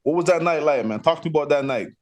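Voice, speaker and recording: A man hosting a podcast interview, relaxed and casual, often giving short affirmations. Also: a little high, racing. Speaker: podcast host.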